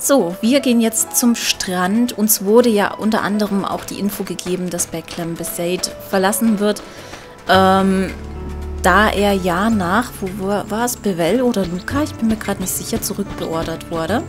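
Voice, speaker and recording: Female game commentator, chatty and casual, medium pitch, reasoning aloud over clear music. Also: moderate pace. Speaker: let's player.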